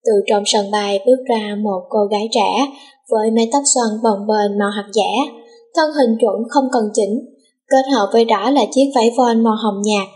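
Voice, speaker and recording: A woman reading a story aloud as an audiobook narrator, with a smooth storytelling lilt. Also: a little high, normal speed, darkish tone.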